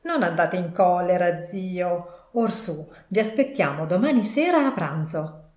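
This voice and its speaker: A woman's voice: lowish voice, expressive, a little slow, darkish tone. Woman doing a cheerful young nephew, good-humoured, pleading, echoey audiobook. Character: cheerful, warm young man, patient nephew. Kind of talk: audiobook reading. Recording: roomy echo.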